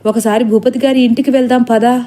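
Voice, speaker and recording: A woman's voice: a little high, steady tone, brisk, mellow, close to an everyday voice. A woman voicing a worried middle-aged father who turns furious at his son, in a storybook reading. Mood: grave.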